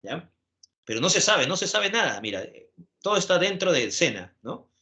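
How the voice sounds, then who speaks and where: A male teacher giving an animated classroom lecture, constantly adding tag questions to check his listeners follow. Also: fairly high pitch, normal speed.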